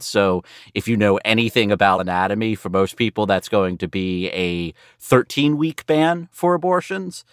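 A man's voice: on the low side, fairly bright tone, smooth, no echo, clean studio sound. An American man speaking as a legal correspondent, explaining things emphatically in an interview.

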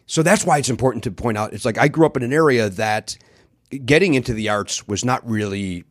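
A man's voice: medium pitch, fairly quick. A middle-aged man from the South Side of Chicago, a podcast guest telling his life story in a candid, self-deprecating way. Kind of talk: casual conversation.

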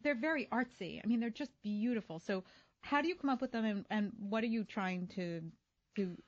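A woman's voice: a little high, animated, a little fast, highs cut off. A woman co-hosting a food radio talk show, speaking with gushing enthusiasm.

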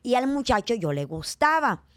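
A woman's voice: on the high side, dry recording, clean studio sound. A young woman speaking, telling stories playfully as a podcast host. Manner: lively, fast-talking, playful storyteller. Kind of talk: casual chat.

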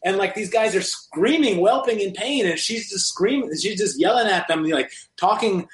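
A man co-hosting a sports podcast in casual chat, halting with many restarts and fillers. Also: high-pitched, lively intonation, reverberant. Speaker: podcast co-host.

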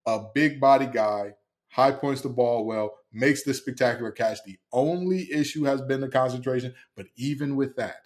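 A man's voice: mid-range voice, normal speed. A man hosting a solo football preview, talking emphatically with many fillers and repeated phrases. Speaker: sports analyst host. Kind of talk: solo sports preview commentary.

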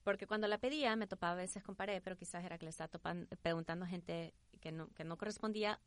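A woman answering as an interview guest, informal and animated, restarting her thoughts and acting out little quotes of herself. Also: on the low side, fast, no room sound. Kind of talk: conversational interview.

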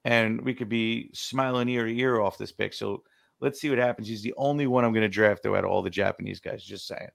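Man, gravelly voice, laid-back, podcast co-host. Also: fairly low pitch, steady tone, brisk. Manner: laid-back, counts off reasons. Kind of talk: casual sports podcast talk.

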